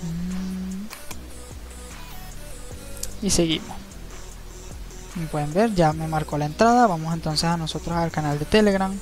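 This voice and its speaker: A man narrating a screen-recorded tutorial, explaining each step in a relaxed, easygoing way and often checking in with the viewer. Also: fairly high pitch, unhurried, long pauses. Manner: relaxed, step-by-step, frequent tag questions. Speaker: crypto channel host. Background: faint background music.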